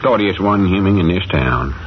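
An actor playing a folksy, easygoing small-town storekeeper with a rural Southern accent in an old radio comedy. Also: male voice, low voice, animated, normal speed. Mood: musing. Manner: homespun country talk. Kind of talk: 1940s radio comedy-drama acting. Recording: dull, noisy old radio recording.

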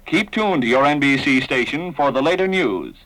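A male network announcer reading a special news bulletin in a formal, crisp old newsreel style. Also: medium pitch, lively intonation, normal speed, a bit bright, low-quality recording.

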